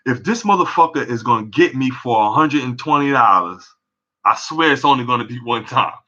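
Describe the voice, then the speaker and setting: Man, New York accent, casual storytelling, streetwise, animated, bright tone. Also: medium pitch, fairly quick, dull audio. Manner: streetwise, animated, repeats "you know what I'm saying". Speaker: barber and vlogger.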